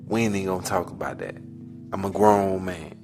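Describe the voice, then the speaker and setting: A man's voice: low voice, brisk, darkish tone, soft background music. A man of about thirty, joking at a cast reunion in a swaggering way. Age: 30s. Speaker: videographer, cast member.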